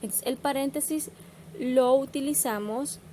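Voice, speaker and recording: A woman's voice: high voice, unhurried, dark tone, a little hiss or hum. A woman teacher, patiently explaining punctuation to students.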